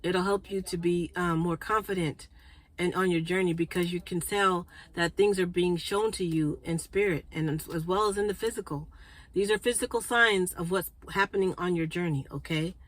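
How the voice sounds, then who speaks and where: A woman hosting a spiritual card reading for her viewers, chatty and congested, clearing her throat and often checking in with "okay?". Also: on the low side, steady tone, normal speed, low-quality recording. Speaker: spiritual card reader and channel host.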